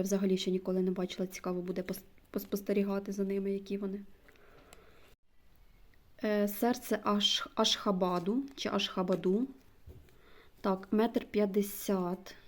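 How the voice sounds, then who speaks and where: A woman vlogger in casual show-and-tell chat, slowly reading out names and sometimes dropping to a near-whisper. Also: mid-range voice, warm tone. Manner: chatty, slow, reads out names one by one; drops to a near-whisper when reading labels. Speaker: gardening vlogger.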